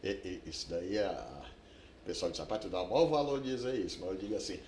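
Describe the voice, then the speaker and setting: A middle-aged Brazilian man hosts a TV talk show. His pitch swings widely as he muses and turns theatrical. He is recorded in a roomy studio with a faint hiss. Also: fast. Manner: lively, musing, theatrical. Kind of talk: casual interview chat.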